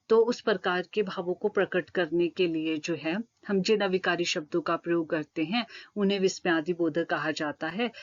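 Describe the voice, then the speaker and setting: A woman's voice: medium pitch, dull audio. A woman explaining Hindi grammar in an online lesson, patient and repetitive, with many verbal fillers. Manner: patient, repeats points with frequent fillers.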